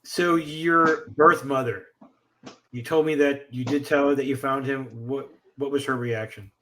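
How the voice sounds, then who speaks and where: A man conducting an interview, asking questions in a gentle, supportive manner. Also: mid-range voice, fairly even intonation, a little slow, a little hiss or hum, rough recording. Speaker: interviewer who works on birth parent search cases.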